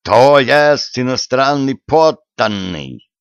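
A man's voice: medium pitch, expressive, slow, smooth, no echo, pitched above the performer's own voice. Man putting on a pompous German-accented merchant. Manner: broken grammar, protesting. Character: pompous foreign merchant, man, mangled speech. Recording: dull, lo-fi dry audiobook.

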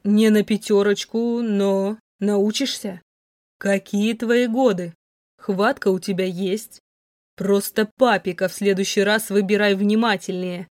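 A woman voicing a cold, contemptuous wealthy young man who drawls slowly and mockingly, recorded dry. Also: medium pitch, fairly even intonation, darkish tone, no echo, close to an everyday voice. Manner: slow, mocking, icy drawl.

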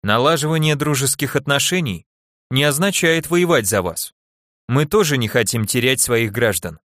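A man voicing a calm, unflappable male alien ambassador in an audiobook, speaking in a measured, matter-of-fact way. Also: medium pitch, dry recording, studio quality, natural voice.

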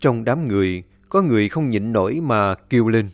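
A man narrating a horror audiobook in a dramatic storytelling manner, voicing characters with raised pitch. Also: lively intonation, fairly quick, no echo. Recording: faint music under the voice. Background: faint background music.

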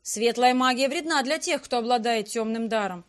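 A woman's voice: a little high, normal speed, lightly acted. A woman voicing a worried, caring father, a noble light mage, in an audiobook. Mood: formal. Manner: anxious, then loud and formal.

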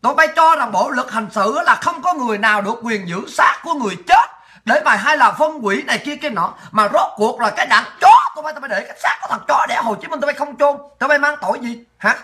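A woman hosting a political livestream, ranting in fury, hurling insults and often shouting. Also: high voice, expressive, fast talker. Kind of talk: angry political rant.

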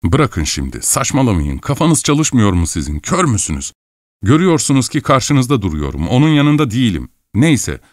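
A man's voice: mid-range voice, big pitch swings, normal speed, no echo, studio quality, pitched above the performer's own voice. A man voicing an impatient, irritable young man who snaps curt, exasperated retorts.

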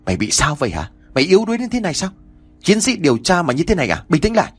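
A man voicing a stern older comrade who scolds and shouts. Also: mid-range voice, lively intonation, fast talker, breathy edge, faint music behind, pitched above the performer's own voice. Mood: scolding.

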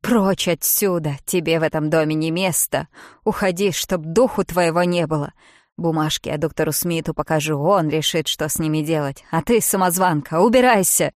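A woman voicing an elderly grandmother who shrieks accusations in shrill, loud outbursts. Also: normal speed, dry recording, studio quality, close to an everyday voice. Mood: shrieking furious.

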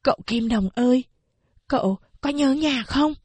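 A woman's voice: high voice, a little slow, a little mellow, breathy edge, dry recording, pitched above the performer's own voice. A woman voicing a curious, secretive young village boy who speaks in eager, pleading questions.

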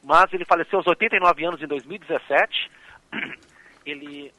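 Radio co-host, Brazilian man, bright dry voice, a bit hoarse, rambling delivery. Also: on the high side, fairly quick, dry recording, poor audio. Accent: Brazilian Portuguese. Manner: rambling, many fillers and restarts. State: slightly hoarse. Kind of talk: casual radio music talk.

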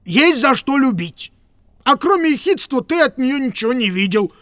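A woman's voice: high voice, sing-song, normal speed, a bit bright, dry recording, clean studio sound. A woman voicing a fussy, grumbling old male clerk who rambles and stammers in an audiobook reading.

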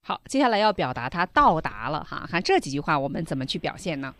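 A woman's voice: sits low, sing-song, fast, fairly bright tone, a little hiss or hum. A woman hosting an English-learning radio show, talking in a conversational way and checking with the listeners through tag questions. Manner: conversational, retells the lesson points with tag questions. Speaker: radio host.

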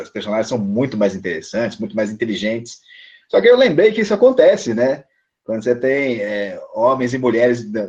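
A Brazilian man talks casually with a very lively, swooping voice. He is relaxed and slangy, and his audio sounds dull and lo-fi. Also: medium pitch. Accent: Brazilian Portuguese. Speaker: panelist. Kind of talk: casual roundtable chat.

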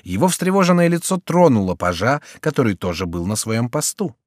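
A male audiobook narrator reads with an expressive, theatrical delivery and a mid-range voice that rises and falls a lot. The sound is dry and close, as in a studio booth. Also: medium pitch, fairly quick, no room sound. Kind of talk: scripted narration.

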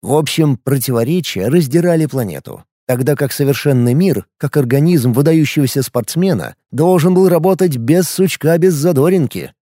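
A man narrating a science-fiction audiobook in measured, scripted storytelling. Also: on the high side, expressive, warm tone, no echo, studio quality.

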